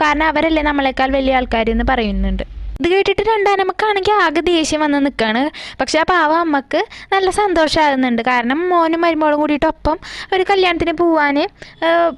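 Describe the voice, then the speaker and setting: A woman's voice: high voice, animated, fast talker. A woman casually retelling a TV serial episode, speaking each character's lines in her own voice. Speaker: serial recap narrator. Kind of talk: casual spoken episode recap.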